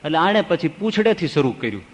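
A man who is a swami giving a scripture discourse, a folksy, animated storyteller. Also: fairly high pitch, fast. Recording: long hall reverb.

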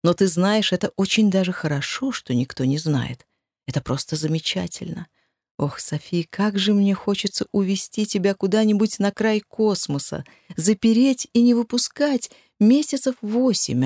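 A woman reader voicing a passionate young man in an audiobook, speaking low and hushed. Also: moderate pace, dry recording, studio quality, lightly acted. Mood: tender.

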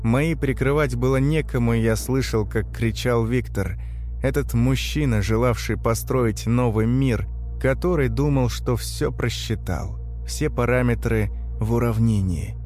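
A man narrating a dark first-person story in a measured, grave, tense manner. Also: mid-range voice, soft background music. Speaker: audiobook narrator.

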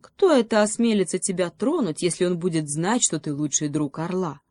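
A woman's voice: on the low side, moderate pace, a little mellow, no echo, natural voice. A woman voicing a proud, lofty male eagle in a fairy tale, speaking majestically. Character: grand, proud male eagle, boastful protector.

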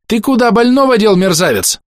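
A man reading an audiobook, voicing a furious, bullying army doctor who shouts and threatens. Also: high voice, lively intonation, a little fast, no echo, studio quality, pitched above the performer's own voice.

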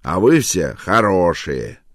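A man's voice: low voice, big pitch swings, takes it slowly, fairly bright tone, dry recording, studio quality, heavily acted. A man reading an audiobook aloud, voicing a harried husband who grumbles and snipes sarcastically back at his family. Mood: grumbling. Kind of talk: audiobook character voice.

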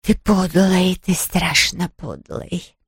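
A woman voicing a self-pitying male ghost who moans and wails in a breathy voice. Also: on the low side, steady tone, slow pace, no echo, studio quality, full character voice. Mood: whiny. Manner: moaning, wailing, breathy.

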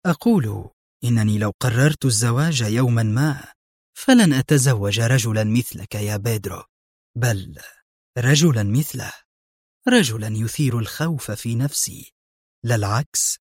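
A man voicing a cunning female crime boss, soft-spoken but menacing, in an audiobook reading. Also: mid-range voice, normal speed, breathy edge, no echo, clean studio sound, lightly acted. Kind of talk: audiobook narration.

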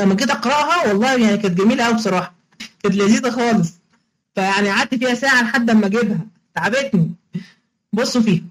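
A religious studies teacher with an Egyptian Arabic accent gives an online lesson in a medium-pitched voice, and the audio is poor. She is playful and coaxing, repeating each step and quizzing her students.

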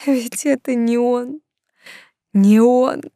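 A woman's voice: medium pitch, measured pace, darkish tone, no echo, studio quality, voice pushed up, natural voice. A woman voicing a tearful middle-aged mother pleading for her son, in an audiobook.

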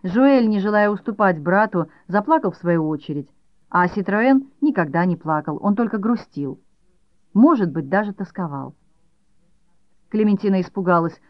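An audiobook narrator reading a literary story in an even, measured way. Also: mid-range voice, no echo, highs cut off.

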